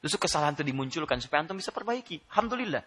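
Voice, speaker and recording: Male preacher, bright tone, animated, jokey, addresses the crowd directly. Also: on the high side, rapid-fire, slightly rough. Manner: animated, joking with the audience, rising to loud laughing emphasis. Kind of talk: Islamic sermon.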